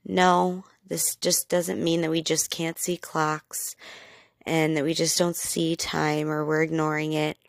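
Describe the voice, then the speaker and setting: A woman's voice: low voice, level tone, a little slow, creaky, no room sound, clean studio sound. A woman hosting a solo podcast, explaining in a chatty, candid way with filler words and the odd swear. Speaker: podcast host.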